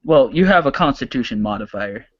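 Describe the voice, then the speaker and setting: A game master narrating a casual tabletop game, lively and halting, with many restarts. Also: medium pitch, dull audio.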